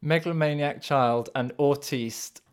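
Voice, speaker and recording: Hesitant, self-correcting man. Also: on the high side. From England. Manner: halting, hedging, self-correcting. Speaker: podcast co-host. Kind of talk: casual podcast chat.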